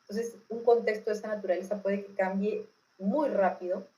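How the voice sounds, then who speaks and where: Interviewed as a political expert, a woman from Peru speaks with a Peruvian accent, teaching informally and frequently using tag questions to confirm she's understood. Her mid-range voice is mellow with fairly even intonation at a moderate pace, captured in a rough recording.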